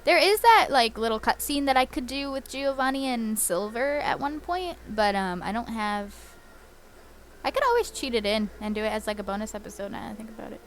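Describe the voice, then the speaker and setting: A woman's voice: a little high, sing-song, a little fast, fairly bright tone, slight background noise. Giggly, chatty woman commenting on her gameplay. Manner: chatty and giggly, lots of fillers. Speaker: let's play host. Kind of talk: casual game commentary.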